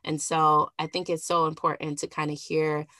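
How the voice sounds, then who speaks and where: A woman's voice: low voice, level tone, normal speed, bright, forceful tone, no room sound, clean studio sound. A woman hosting a podcast, introducing guests in a rambling way with many fillers. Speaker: podcast host. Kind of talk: casual podcast chat.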